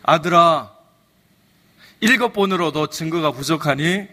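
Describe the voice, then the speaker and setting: A man voicing God speaking gently to a son, asking soft pleading questions, in a sermon. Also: fairly high pitch, unhurried. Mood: tender. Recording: reverberant church hall.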